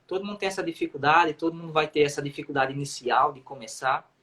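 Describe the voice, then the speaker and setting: A man's voice: a little high, bright, forceful tone. Man explaining his views thoughtfully. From Brazil. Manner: reflective, explanatory, measured opinions. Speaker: guest. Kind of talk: casual chat.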